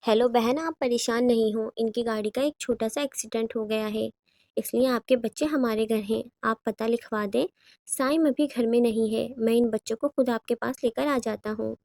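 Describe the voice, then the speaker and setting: A calm, protective older man, read by a woman narrator in her own fairly high voice, steady and reassuring. The horror storybook recording is dry and close. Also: creaky, no echo. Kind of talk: audiobook horror reading.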